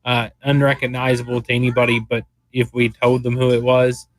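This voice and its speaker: A man playing a tabletop game, describing things casually in a halting, explanatory way. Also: medium pitch, completely flat delivery, no echo, poor audio.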